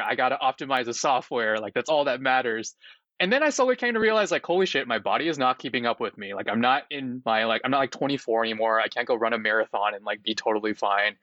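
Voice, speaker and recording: A man's voice: mid-range voice, dry recording. A man around thirty chats easily as a guest, with lots of fillers and laughter. His voice sits mid-range. The sound is dry and a little muffled. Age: 30s. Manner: relaxed, filler-heavy, laughs often. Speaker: startup founder, guest. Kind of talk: casual interview chat.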